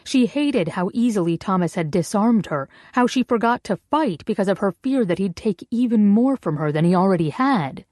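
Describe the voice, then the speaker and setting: A woman narrating an audiobook in a measured, even storytelling manner. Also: mid-range voice, no echo, studio quality. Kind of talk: scripted narration.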